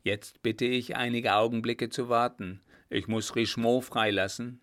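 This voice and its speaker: A man voicing a sly, cheeky coachman who talks calmly and teasingly. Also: mid-range voice, unhurried.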